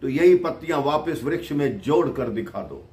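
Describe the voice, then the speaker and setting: A man voicing a serene, fearless male sage who speaks calmly and quietly. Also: on the high side, normal speed, lightly acted. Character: calm, serene male sage, gentle and unafraid.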